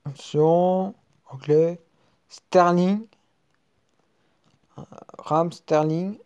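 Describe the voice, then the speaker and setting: A French-accented man talks through his pack openings in a loose, off-the-cuff way. His voice is mellow and warm. He drops to low mutters, then bursts out in excitement over a good pull. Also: extremely slow, clear, resonant tone. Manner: excitable, trailing off to mutters between outbursts. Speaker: gaming video creator. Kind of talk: casual live commentary while opening card packs. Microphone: screen-recording app mic.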